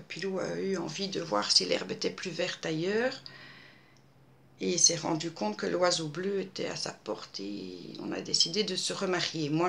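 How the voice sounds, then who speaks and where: A woman's voice: lowish voice, creaky, a bit bright. A woman in her fifties from Belgium, chatting through viewer questions with lots of fillers and restarts. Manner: hesitant, many fillers and restarts. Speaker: scrapbooking vlogger answering viewer questions. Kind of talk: casual Q&A monologue.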